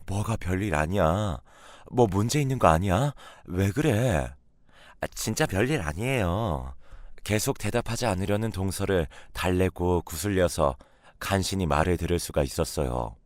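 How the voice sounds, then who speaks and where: A man calmly narrating a scripted radio drama in a measured storytelling manner. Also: low-pitched, no echo, clean studio sound.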